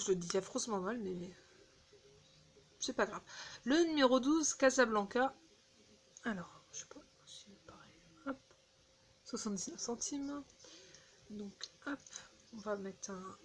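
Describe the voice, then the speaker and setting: A woman casually chatting through a beauty haul, halting with fillers and restarts, recorded on a phone indoors. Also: on the high side, slight background noise. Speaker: beauty vlogger.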